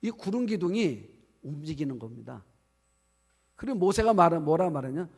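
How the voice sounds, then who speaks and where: A man's voice: on the high side, very animated, moderate pace, husky. A male pastor preaching a sermon to his congregation, asking them questions as he goes. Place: church sanctuary. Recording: long church hall reverb.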